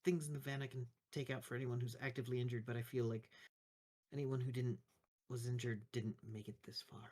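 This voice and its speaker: A man's voice: medium pitch, little pitch movement, a little fast, darkish tone, close to an everyday voice. A man playing a practical, considerate woman healer in a tabletop game. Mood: practical, helpful.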